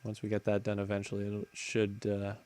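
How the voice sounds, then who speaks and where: A man's voice: on the low side, monotone, brisk, darkish tone. A man hosting a casual game commentary, chatting in a rambling way and often correcting himself mid-sentence. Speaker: let's play host.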